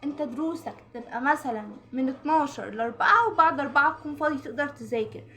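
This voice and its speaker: A woman's voice: high-pitched, lively intonation, fast, pushed and bright. A woman with an Egyptian Arabic accent giving direct study advice to the camera in a casual vlog. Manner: direct, coaching, talks straight to the viewer. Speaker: study-tips vlogger.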